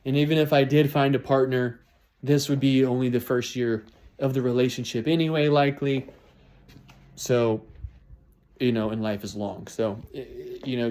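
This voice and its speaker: A vlogger in his twenties, with a mid-range voice and dark tone, talks through his New Year's resolutions. He keeps it casual and motivational, often repeating and restarting phrases.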